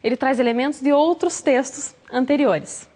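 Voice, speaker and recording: High-voiced Brazilian woman teacher. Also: normal speed, mellow. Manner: explanatory, acts out example phrases. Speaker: Portuguese teacher. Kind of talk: recorded exam-prep lesson. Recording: long hall reverb.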